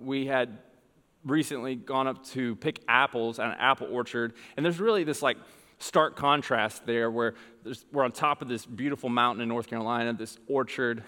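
Man in his thirties, pastor, earnest sermon, emphatic then quiet storytelling, middle pitch, long echo of a church hall.

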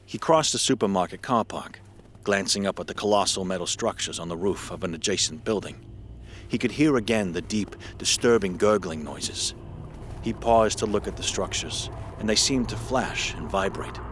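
Male narrator, scripted fiction read, deep and steady, faint background hiss. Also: moderate pace.

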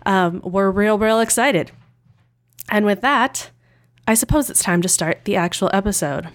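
A woman with a middle-pitched voice narrates a podcast intro alone. She is chatty and informal, talking like a co-host who pokes fun at herself. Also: a little slow. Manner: chatty, informal, self-deprecating.

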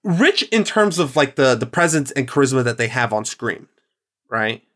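A man's voice: mid-range voice, very animated, moderate pace, fairly bright tone. Rambling, enthusiastic male podcast host. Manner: rambling, filler-heavy, enthusiastic. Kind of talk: casual chat.

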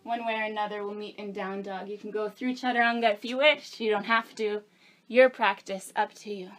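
Plucked guitar music backs a yoga instructor as she guides a class, counting breaths over each movement. Her medium-pitched voice is steady, brisk and fairly bright, and her step-by-step cues are encouraging and easygoing.

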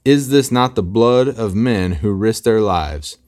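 A man's voice: lowish voice, unhurried, a little mellow. A man in his thirties preaching a sermon as a pastor, earnestly acting out quoted voices.

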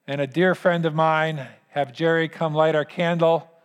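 A man preaching a sermon as pastor, with earnest, emphatic phrasing and deliberate pauses. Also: fairly high pitch, level tone, clear, resonant tone. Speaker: pastor leading a church service. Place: large church hall. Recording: long hall reverb.

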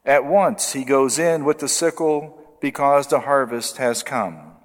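A priest proclaiming the Gospel at Mass in a slow, deliberate manner, his voice carried by long cathedral echo. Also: medium pitch. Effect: long cathedral-like church reverb. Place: large church. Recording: long church hall reverb.

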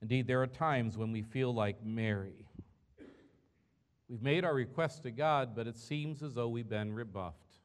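Male pastor, mid-pitch voice, earnest conversational sermon delivery in a church. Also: a little slow. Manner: earnest, conversational preaching with rhetorical questions.

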